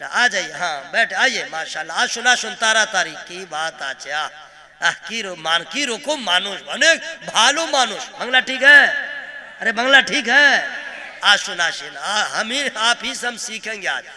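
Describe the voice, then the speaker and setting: A male preacher from Kolkata giving a humorous sermon, teasing the audience and chanting verses in a slow melody. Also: sits high, expressive, sharp tone. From Kolkata, India. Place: religious gathering with a pulpit.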